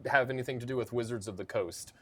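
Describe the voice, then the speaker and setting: A man's voice: mid-range voice, fast talker, sharp tone. A man co-hosting a podcast, chatting casually and jokingly about board games with rambling asides. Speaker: podcast co-host.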